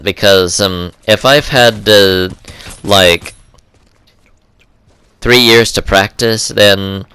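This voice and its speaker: A man's voice: on the low side, sharp tone, clear, resonant tone. A young man giving casual gameplay commentary in a rambling way, full of ums and uhs.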